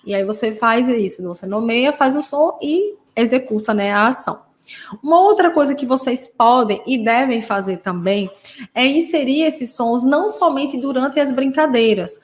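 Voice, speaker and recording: A playful Brazilian woman with a high voice talks casually to parents in a teaching style, speaking at normal speed. She has a Brazilian Portuguese accent, acts out sound effects, and often uses tag questions.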